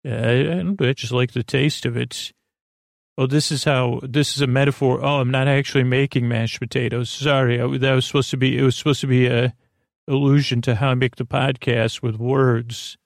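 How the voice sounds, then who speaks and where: The host of a rambling bedtime podcast speaks with a heavily creaky, gravelly, medium-pitched voice and flat delivery, recorded close and dry with no room sound. He improvises as he goes, halting frequently, circling back, and leaving thoughts unfinished.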